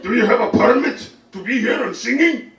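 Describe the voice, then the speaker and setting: A man putting on a furious old man who shouts and scolds. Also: very high voice, expressive, slow, highs cut off, pitched above the performer's own voice, full character voice. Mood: angry scolding. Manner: yelling, scolding. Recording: roomy live venue, distant mic.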